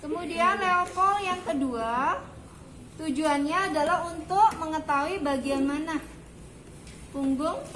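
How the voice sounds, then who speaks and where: A woman's voice: high voice, takes it slowly, fairly bright tone. A woman instructor demonstrating a prenatal exam step by step and checking that her students understand. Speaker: midwifery instructor. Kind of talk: hands-on clinical demonstration. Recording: echoey room with background noise.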